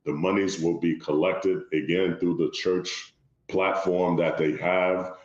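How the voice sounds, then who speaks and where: A man from Liberia, a guest in an interview, speaking in a measured, formal way. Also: sits low, fairly even intonation, darkish tone, reverberant, highs cut off. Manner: measured, formal, repeats "long story short". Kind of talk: interview conversation.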